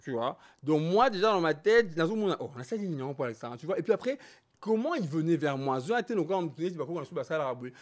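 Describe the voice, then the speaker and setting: Animated Congolese-raised man, lively voice. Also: fairly high pitch, quick pace. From born in Belgium, raised in Congo. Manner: animated, emphatic, switching between French and Lingala. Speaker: interview guest. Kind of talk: candid personal interview.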